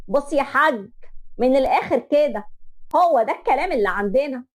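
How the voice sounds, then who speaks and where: A scheming older mother-in-law with an Egyptian accent, scornful and bossy, as a woman narrator puts her on. Her voice is pitched a little higher than the teller's own, slow and cutting, like a villain in a spoken family tale. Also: animated.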